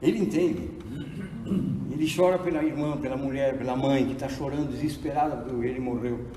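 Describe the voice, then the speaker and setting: This theology lecture comes from a man in his sixties, originally from Argentina, who narrates with animated, preacher-like energy in an echoing hall. He speaks at a fairly quick clip in a medium pitch. A distant microphone adds a little hiss or hum.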